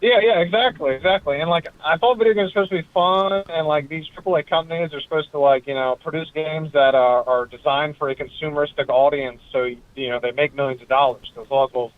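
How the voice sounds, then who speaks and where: A man's voice: fairly high pitch, steady tone, fast talker, few pauses, dry recording. A man calling in from his car over a clipped phone line, chatting casually with strong opinions and plenty of fillers. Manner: opinionated, full of "like" and "you know". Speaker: caller. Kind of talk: casual call-in chat.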